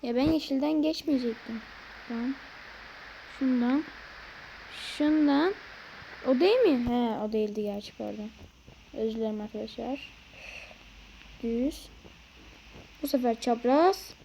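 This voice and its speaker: A woman's voice: on the high side, normal speed, gravelly, pauses often, dark tone, muffled recording, a little hiss or hum. A young woman talking through a game she is playing, muttering in frustration and making playful sound effects. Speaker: gaming video creator. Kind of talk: casual gameplay commentary.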